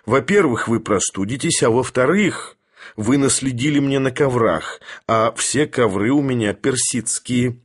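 A man voicing a haughty older professor who speaks in an imperious, lecturing, deliberate manner. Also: mid-range voice, husky. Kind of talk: audiobook character voice.

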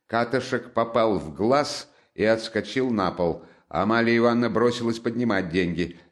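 Male narrator, low voice, steady classic novel reading. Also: moderate pace. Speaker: audiobook narrator.

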